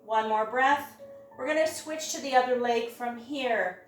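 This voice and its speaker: A woman teaching a hatha yoga class, guiding each step in a careful, unhurried way. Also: fairly high pitch. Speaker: yoga instructor. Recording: very echoey room, distant mic, music.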